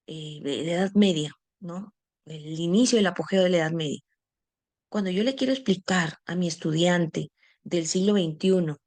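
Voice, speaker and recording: A woman teacher giving a lecture on teaching, posing rhetorical questions and pausing with frequent fillers. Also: medium pitch, darkish tone.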